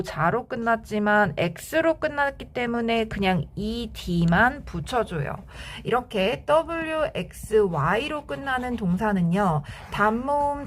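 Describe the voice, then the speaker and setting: Female English tutor, slow and patient, step-by-step explainer, mid-pitched. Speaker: English grammar teacher. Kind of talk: scripted grammar lesson.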